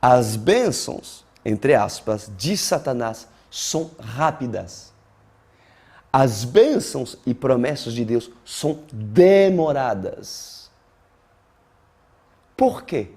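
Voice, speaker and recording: A male pastor preaches a sermon slowly, his mid-range voice mellow, expressive and slightly rough. He is a non-native speaker of Portuguese who learned it as an adult. Deliberate and emphatic, he uses dramatic pauses and keeps repeating phrases.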